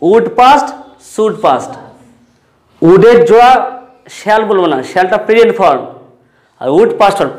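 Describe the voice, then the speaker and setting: A high-pitched man with a Bengali accent teaches an English grammar lesson. He asks a question, answers it himself, and repeats the key terms to drive them home. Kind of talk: classroom-style lesson.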